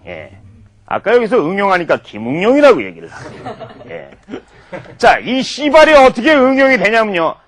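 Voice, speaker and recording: A man's voice: high voice, wildly swooping pitch, normal speed, fairly bright tone. A man giving a mock-formal comedy lecture, peppered with profanity.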